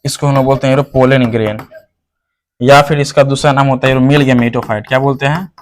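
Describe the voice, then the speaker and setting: His voice sits in the mid-range, brisk and fairly even in intonation. The man gives an online biology lecture, questioning his students and then answering himself as he repeats important terms. "Hero" is what he calls the viewer.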